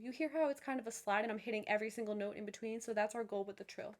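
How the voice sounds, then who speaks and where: A young woman who leads viewers through vocal warm-ups, encouraging and upbeat, with many fillers and restarts. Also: medium pitch, very fast. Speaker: voice teacher. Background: piano.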